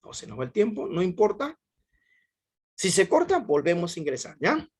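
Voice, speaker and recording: A man's voice: sits high, huge pitch swings, moderate pace, a little mellow, slightly rough. A male teacher giving a class over a video call, repeating himself often and quizzing his students. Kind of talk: online class lecture.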